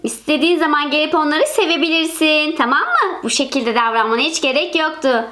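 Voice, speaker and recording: A woman voicing a caring mother who calms her daughters, in a game role-play. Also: sits high, brisk. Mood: soothing. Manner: concerned, soothing.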